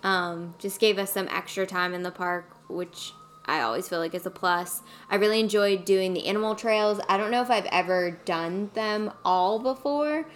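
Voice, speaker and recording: A woman co-hosting a casual podcast, speaking at an ordinary middle pitch. She reads from her notes in an easygoing way. A faint hiss runs under her voice. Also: moderate pace. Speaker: podcast co-host. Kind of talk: casual chat.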